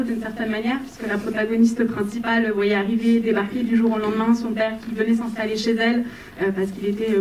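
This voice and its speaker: A woman's voice: on the high side, darkish tone, distant mic. A young woman moderating a film Q&A, asking long, winding questions with many fillers, on a handheld mic in a cinema. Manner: winding, articulate, with frequent fillers. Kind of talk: long prepared questions to a guest. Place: cinema auditorium in front of the screen. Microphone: handheld mic, filmed from far away. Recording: echoey hall taken from afar, faint noise.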